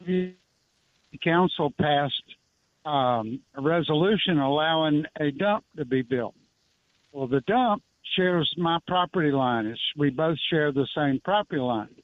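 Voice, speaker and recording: A man's voice: on the high side, unhurried, dry recording. A man in his seventies calling in to a radio show over a tinny phone line, telling his story in a plain-spoken, rambling way. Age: 70s. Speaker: caller. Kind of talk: call-in radio question. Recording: dry, narrow-band phone call.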